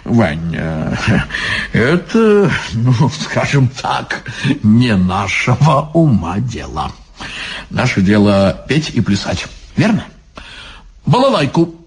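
A man's voice: mid-range voice, huge pitch swings, slow pace, long pauses, husky, pitched below the performer's own voice, heavily acted. A man voicing a pompous, giggling old sage who lectures the young in a fussy, sugary way. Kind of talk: audiobook character reading.

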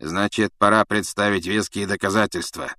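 A man voicing a grim male fugitive with a hoarse, rasping voice. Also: fairly low pitch, fairly even intonation, moderate pace, bright, forceful tone, dry recording, studio quality.

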